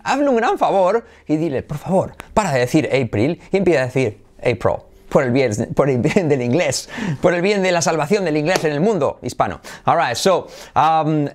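A middle-aged man with a Spanish accent teaching English pronunciation in a video lesson, lively and repeating practice words. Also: fairly high pitch. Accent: Spain.

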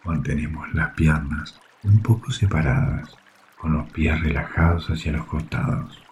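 Speaking in a soft, hushed, soothing way with long pauses, a yoga nidra guide with a Rioplatense Spanish accent leads a sleep meditation. His voice rumbles low, and faint trickling water and slight noise sit in the background.

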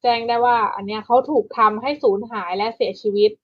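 A woman's voice: mid-range voice, fairly even intonation, quick pace, dull audio. A woman co-hosting a casual podcast chat, talking things through, often restarting and repeating words as she explains. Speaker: podcast co-host.

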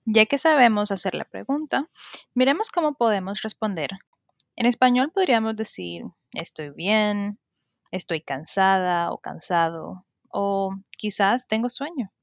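Woman in her 20s teaching english, talks real slow, bit of gravel in her voice, super dry sound. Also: medium pitch, animated, no room sound. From Colombia. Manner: slow, careful teaching delivery, modeling English words. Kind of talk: podcast language lesson.

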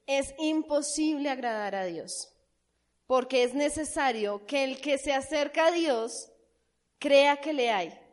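A woman preaches with a high, bright voice. She fires questions at her listeners and slips into mimicked voices of everyday people as she teaches. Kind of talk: sermon.

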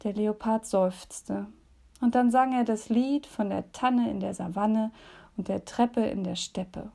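A woman leading a calm devotion, gently reading a children's story and a psalm, sometimes softly whispering. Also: medium pitch, takes it slowly, creaky. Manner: gentle, soft, at times whispered.

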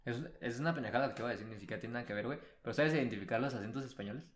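A man with a Mexican accent talks quickly in a mid-range voice. He chats casually on a podcast, slangy and teasing, always asking questions. The room adds a clear echo. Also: mid-range voice. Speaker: podcast co-host. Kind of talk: casual chat. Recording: roomy echo.

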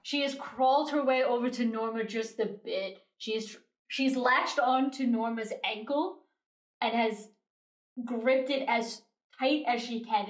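Woman game master in an echoey room. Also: on the high side. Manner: vivid, descriptive narration. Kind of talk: narrating a tabletop game. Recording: roomy echo.

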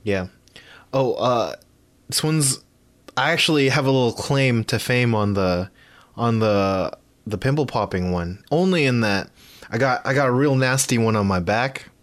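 A man's voice: medium pitch, measured pace. Laughing, rambling young man. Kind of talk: casual chat.

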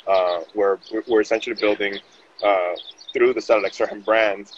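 A man's voice: fairly low pitch, fairly even intonation, normal speed. A man from Venezuela, a marketing director, talking casually in an interview and often restarting his words. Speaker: guest, digital marketing director. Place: outdoors on a city street. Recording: dull audio with faint noise.

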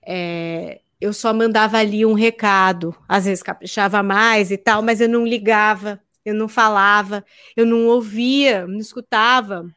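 A woman's voice: medium pitch, steady tone, normal speed, fairly bright tone, clean tone, no room sound, clean studio sound. A Brazilian woman co-hosting a podcast, chatting casually and acting out little quoted exchanges as she tells stories. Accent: Brazilian Portuguese. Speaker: podcast co-host, presenter.

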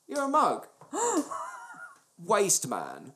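A man's voice: fairly high pitch, wildly swooping pitch, very slow, heavy background noise. A man with a British accent in casual comic banter as a podcast co-host, sweary and mock-indignant.

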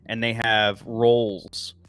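A man's voice: lowish voice, very slow, clear, resonant tone, dry recording. Guy from illinois rambling on a podcast, dry close sound. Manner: rambling, animated storyteller. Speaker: podcast co-host. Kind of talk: casual chat.

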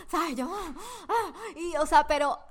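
A woman, co-hosting a podcast in casual chat, animated and emotional, full of slang and fillers, over a video call. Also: very high voice, extremely slow. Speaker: podcast co-host.

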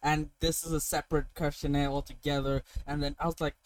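Male podcast co-host, fairly high voice, exclamatory and slangy, loose casual chat with plenty of swearing. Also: flat delivery, brisk, no echo.

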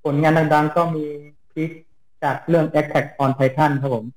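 A man's voice: fairly high pitch, level tone, measured pace, roomy sound, poor audio. A man as a guest on an anime chat show, speaking politely and formally. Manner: polite, ends lines with a formal khrap phom. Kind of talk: casual chat.

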